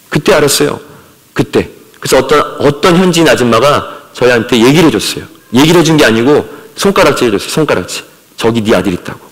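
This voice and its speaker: Emphatic man preaching in a reverberant church. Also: mid-range voice. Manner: emphatic preaching with rhetorical questions. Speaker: missionary preacher. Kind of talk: sermon. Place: church sanctuary.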